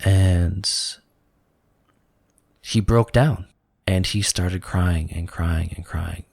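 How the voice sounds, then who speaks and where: A man with a low, gravelly voice shares a personal story on a spiritual talk show. He talks in an earnest, reflective way and leans on filler words. The sound is dry and close. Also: drawn-out words, a little mellow, no room sound. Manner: reflective, earnest, many "you know" fillers. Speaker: podcast co-host.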